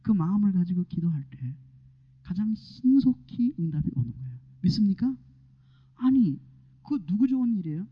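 Male pastor, lively preaching sermon, whisper-to-shout swings, dull lo-fi recording. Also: sits high, moderate pace, husky. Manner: swinging from hushed whispers to loud exclamations, asking the congregation questions.

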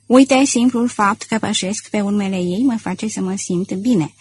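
A woman voicing a passionate, anxious middle-aged gentleman thief, with a husky voice. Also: mid-range voice, close to an everyday voice. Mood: tender, ardent. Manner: earnest, brooding, heartfelt.

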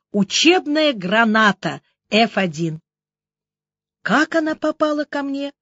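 A woman narrating an audiobook in a lively, expressive way. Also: on the high side, no echo, lo-fi sound. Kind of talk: scripted narration.

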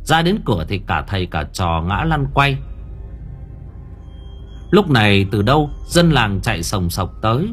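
A man's voice: fairly low pitch, sing-song, measured pace, long pauses, fairly bright tone, faint music behind. A man narrating a horror story for an audiobook in a vivid, dramatic way.

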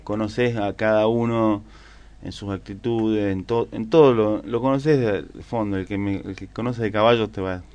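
Brief: Argentine man, lowish voice, polo player guest, relaxed, halting, restarts often. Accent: Argentine Spanish. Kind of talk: casual interview chat.

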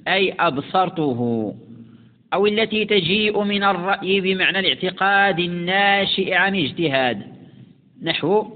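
Man, grammar lesson, slow deliberate recitation, raised pitch, long reverb. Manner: slow deliberate recitation of examples, repeating words. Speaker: Arabic grammar teacher. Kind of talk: lesson explaining classical grammar. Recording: tinny phone-like sound with long reverb.

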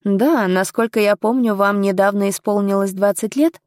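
A woman's voice: medium pitch, moderate pace, a little mellow, no echo, clean studio sound, close to an everyday voice. Woman reading a formal nobleman investigator.

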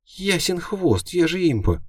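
A man voicing a squeaky, cheeky little female imp who squeaks and panics easily, in an audiobook. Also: big pitch swings, unhurried, dry recording, studio quality, distant mic, full character voice.

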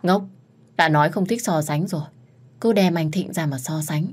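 A woman's voice: low voice, moderate pace, a little mellow. A woman voicing a cocky young male servant, brash and teasing toward the girl he loves.

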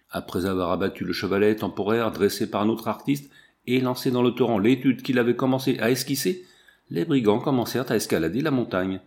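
A man narrating an adventure novel in a steady, measured reading. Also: fairly low pitch. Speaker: audiobook narrator. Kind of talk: audiobook reading.

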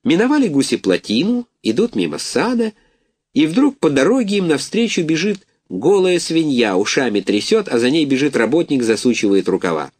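Male narrator for a children's audiobook, lively and expressive, dry close sound. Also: fairly high pitch, moderate pace, breathy edge, dry recording. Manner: animated, expressive reading.

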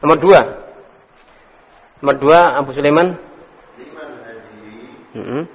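Guy teaching an arabic class, kinda high voice, casual, calls on students, echoey hall. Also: takes it slowly, husky, dull audio. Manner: drills students, calls on them by name, chuckles.

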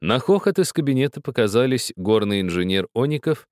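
Deep-voiced man narrating a story. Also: expressive, moderate pace, clear, resonant tone, no echo, clean studio sound. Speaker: audiobook narrator. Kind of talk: scripted narration.

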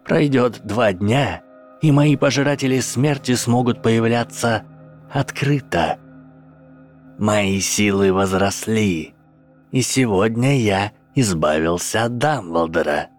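A man voicing a cold, menacing dark lord who speaks slowly in a low, deliberate voice, cruelly amused. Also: faint music behind.

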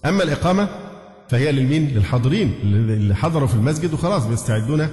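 A man's voice: medium pitch, expressive, racing, a little mellow, echoey room, big-room sound. A man with an Egyptian accent giving a religious lesson, explaining points and testing listeners with rhetorical questions, sometimes chanting short phrases to show correct pronunciation. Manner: demonstrates call-to-prayer pronunciations. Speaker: Islamic scholar teaching.

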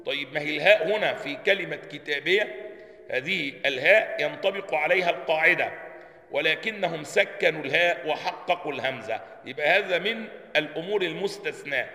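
Egyptian sheikh, male, sharp tense tone, drills pronunciation and quizzes students, roomy reverberant space. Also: on the high side, a little fast. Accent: Egyptian Arabic. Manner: quizzes listeners with repeated questions, drills pronunciation aloud. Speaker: sheikh teaching Quran sciences. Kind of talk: religious lesson explaining a text. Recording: long hall reverb, roomy.

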